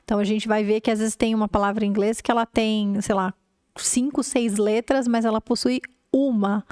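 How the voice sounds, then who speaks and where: A woman's voice: mid-range voice, steady tone, moderate pace, a little mellow, smooth, dry recording, studio quality. A woman with a Brazilian accent hosting a casual chat about learning English, asking questions and laughing often. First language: Portuguese. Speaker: podcast host and English teacher.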